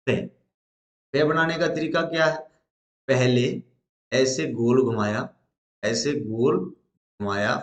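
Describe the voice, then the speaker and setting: Slow, drilling male teacher in echoey room. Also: mid-range voice, a bit bright. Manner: drilling, asks questions and answers them himself. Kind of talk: classroom lesson at a board.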